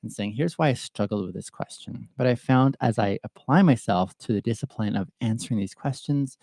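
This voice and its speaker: A man from Ethiopia hosting a solo podcast, talking through a question in a thoughtful, halting way with pauses and fillers. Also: on the low side, creaky, warm tone, dry recording. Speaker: podcast host answering viewer questions. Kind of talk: reflective solo livestream talk.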